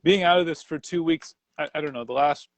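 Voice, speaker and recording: A man co-hosting a casual spiritual discussion, speaking haltingly, searching for words and often murmuring agreement. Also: fairly high pitch, dry recording. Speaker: co-host.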